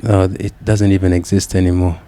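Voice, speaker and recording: A young man with a Kenyan accent, a podcast guest reflecting candidly on his upbringing, often pausing with restarts and repeated yeahs. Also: sits low, little pitch movement, dark tone, a little hiss or hum. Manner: reflective, with frequent "yeah" and restarts.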